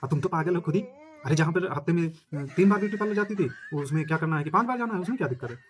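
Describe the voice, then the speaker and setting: Young male comic, high-ish rapid delivery, blustering then meek on a phone call. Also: lively intonation, slight background noise. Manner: brash boasting that turns sheepish and backpedaling. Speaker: comedian playing a brother on the phone.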